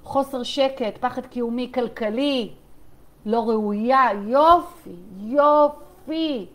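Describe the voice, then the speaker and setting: A woman leading a live online coaching session. She talks straight to her listeners, reads their chat replies aloud and keeps checking in with emphatic "okay?"s. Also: on the high side. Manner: repetitive, emphatic, many "okay?" check-ins.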